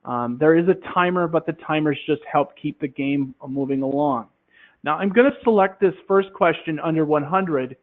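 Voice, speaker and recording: A man demonstrating a classroom quiz game, explaining in a relaxed way with many fillers into a headset. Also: fairly high pitch, moderate pace. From Minnesota, USA. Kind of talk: software demonstration talk. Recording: tinny phone-like line.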